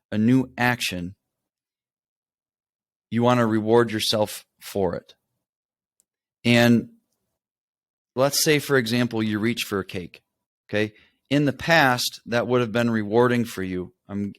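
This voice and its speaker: A man's voice: fairly low pitch, no room sound, clean studio sound. A man coaching viewers on changing habits in a motivational teaching talk to camera, often repeating key steps and checking in with "okay" and "right.".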